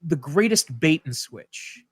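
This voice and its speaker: A man's voice: fairly high pitch, slow pace, slightly rough, no echo. A man on a podcast, casually and animatedly retelling a film's plot with swearing and filler words. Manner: animated, profane storytelling with fillers. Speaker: podcast co-host. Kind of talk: casual film-review retelling. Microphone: podcast mic.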